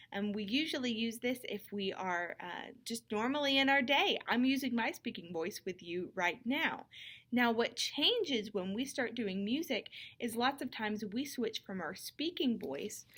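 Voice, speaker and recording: A woman music teacher giving a lesson to young children, speaking slowly and clearly in an encouraging way. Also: a little high, fairly bright tone. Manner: slow, clear and encouraging, demonstrating voices.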